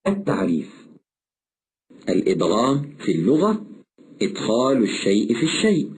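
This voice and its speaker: A man narrating a scripted lesson in a measured, explanatory way, slowing down to recite examples. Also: on the low side, huge pitch swings, darkish tone, husky. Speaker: Quran recitation teacher.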